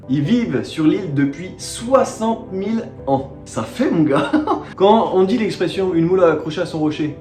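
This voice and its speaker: Young male YouTuber, slightly high voice, loose slangy delivery full of fillers, roomy home sound with faint music. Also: a little mellow. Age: young adult. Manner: slangy, rambling, self-mocking, many fillers. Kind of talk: casual vlog storytelling. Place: his living room at home.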